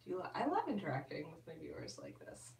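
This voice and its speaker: Lowish woman voice chatting w live comments, kinda far from the mic, echoey room. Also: huge pitch swings, fast, gravelly, slight background noise. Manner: chatty, reads and answers comments, frequent laughs and fillers. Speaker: ASMR YouTuber answering live chat. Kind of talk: casual live-stream chat. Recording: roomy and distant from the mic.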